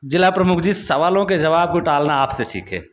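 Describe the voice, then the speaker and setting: A man's voice: on the high side, lively intonation, moderate pace. A male journalist interviewing a politician, asking pointed, confrontational questions.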